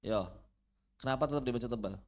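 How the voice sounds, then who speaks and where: A man with an Indonesian accent teaching Quran recitation online, repeating syllables loudly to demonstrate each sound. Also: mid-range voice, fast talker. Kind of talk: online tajwid lesson.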